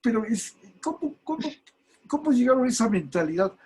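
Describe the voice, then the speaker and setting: A man's voice: very high voice, sing-song, darkish tone, breathy edge, rough recording. A man from Ecuador hosting a video call interview, asking questions in an incredulous way. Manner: incredulous, asks rapid questions with repeats. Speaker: host.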